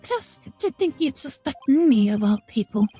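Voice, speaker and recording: A woman's voice: high-pitched, sing-song, measured pace, mellow, soft background music. A woman reading aloud as a vain, theatrical man obsessed with beauty. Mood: affronted. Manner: haughty, theatrical. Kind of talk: reading game dialogue aloud.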